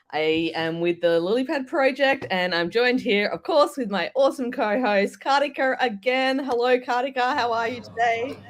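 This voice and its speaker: An Australian woman co-hosting a casual livestream chat, talkative and quick to laugh. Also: on the high side. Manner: chatty, laughs often. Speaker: co-host.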